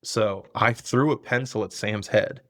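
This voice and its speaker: A man's voice: on the low side, fairly even intonation, a little slow, fairly bright tone. A young man hosting a podcast, telling school stories in casual chat, swearing a lot and laughing often. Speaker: podcast host.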